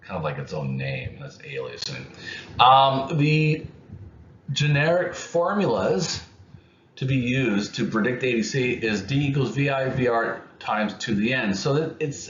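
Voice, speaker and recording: A man explaining electronics concepts in an unscripted lesson, speaking haltingly with many restarts and fillers. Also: mid-range voice, very animated, a bit bright. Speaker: electronics educator. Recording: muffled, roomy, faint noise.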